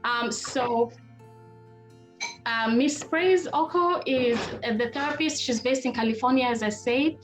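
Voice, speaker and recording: Music plays beneath the voice of a Kenyan marriage therapist, a middle-aged woman hosting a webinar by video call. She talks to her audience directly in a relaxed, conversational style, her voice on the high side and her pace unhurried.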